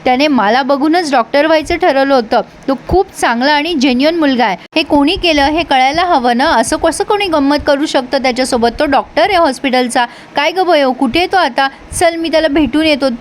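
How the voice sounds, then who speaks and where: A woman's voice: high-pitched, a little fast, hardly any pauses, lightly acted. A woman reading out the lines of a firm, reasonable father figure in a reassuring way.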